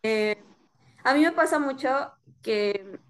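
A woman chats on a podcast in a fairly high voice. She keeps the talk loose and full of fillers, often stopping to correct herself. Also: lively intonation, slow pace. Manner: chatty, many fillers and self-corrections. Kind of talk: casual podcast chat.

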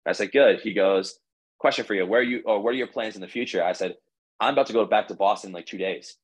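Low-voiced young man telling a rambling story. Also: fast talker, husky, low-quality recording. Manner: rambling, filled with "like" and restarts. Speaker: podcast guest, baseball pitcher. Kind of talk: casual storytelling.

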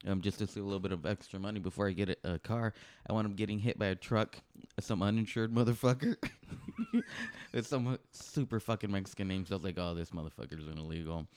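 A man's voice: on the low side, fairly even intonation, fast, a little mellow. A man who is a guest on a podcast, telling a story in casual, profane chat.

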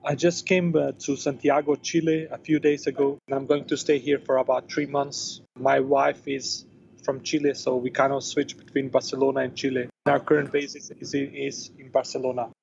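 A man speaks casually as an interview guest. His phrasing is loose and halting, at a middling pitch, over a slightly muffled recording with faint noise. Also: flat delivery, creaky, a little mellow. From Bosnia-born, grew up in Denmark. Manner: informal, hesitant phrasing peppered with "like". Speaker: interview guest, tech company founder.

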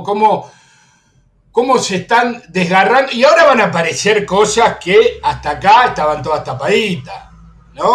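A high-voiced Argentine man hosts a sports radio show with wild swings in energy. He mocks rival fans, laughs a lot, and calls out to the control room between rants. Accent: Argentine Spanish. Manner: animated, mocking, laughs often; gives orders to the control room. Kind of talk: excited sports talk.

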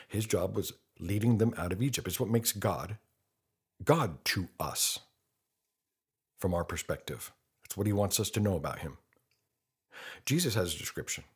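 A man's voice: sits low, slightly rough. A man in his fifties, a podcast host delivering an impassioned, blunt monologue with rhetorical questions. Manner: earnest and blunt, with rhetorical questions and mocking quoted voices.

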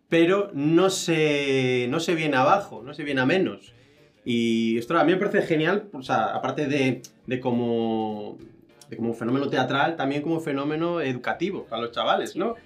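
A guest in a casual interview chat, talking animatedly and acting out quoted voices. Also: medium pitch. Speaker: guest, actor and teacher.

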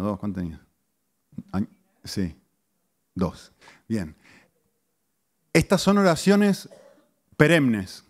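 A middle-aged man, a pastor giving a conversational sermon to his congregation with lively rises in pitch and asides to the listeners. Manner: conversational teaching, animated pitch swings, audience asides.

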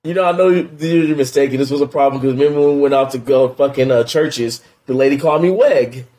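A man's voice: medium pitch, fast, mellow. A young man co-hosting a casual chat, answering with blunt, joking banter full of slang.

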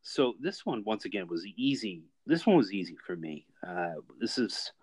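A man's voice: fairly low pitch, very animated, moderate pace, a little mellow, no room sound, low-quality recording. A man co-hosting a casual film discussion with a dry, wisecracking manner. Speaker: podcast co-host.

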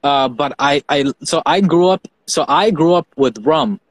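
A man from Fiji talks in a loose, rambling way, stacking repeated words before he gets going. His voice sits a bit high for a man. The sound is dry and close, with no room around it. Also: a little slow, dry recording, low-quality recording. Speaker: host. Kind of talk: casual chat.

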